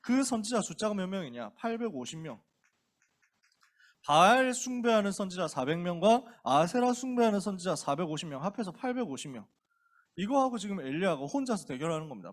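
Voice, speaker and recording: A man's voice: high voice, big pitch swings, a little fast. A male pastor preaching to a youth group in a casual, colloquial way, acting out the characters as he tells the story.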